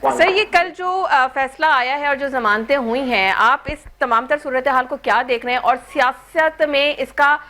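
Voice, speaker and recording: A woman's voice: high-pitched, measured pace, few pauses, pushed and bright. A woman anchoring a political talk show, asking pointed questions and humming along as guests speak. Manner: pointed questioning, frequent hums of assent. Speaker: news anchor.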